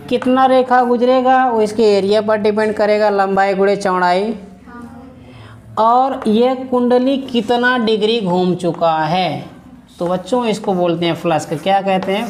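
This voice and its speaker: A man's voice: high voice, a little mellow, reverberant. A male teacher giving a classroom physics lesson, asking questions and then answering them himself while repeating key words.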